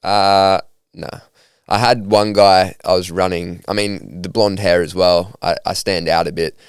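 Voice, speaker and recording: A young Australian man telling stories in a relaxed, upbeat, slangy conversational way as a podcast guest. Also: deep voice, a little slow, smooth, no echo, clean studio sound. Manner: laid-back, upbeat slangy talk with frequent laughs. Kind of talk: casual conversational storytelling.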